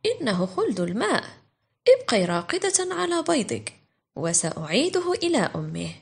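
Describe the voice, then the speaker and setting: A woman voicing a helpful, reassuring male woodpecker in a children's storybook, expressive and instructive. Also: a little high, normal speed, creaky, husky, full character voice. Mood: amused.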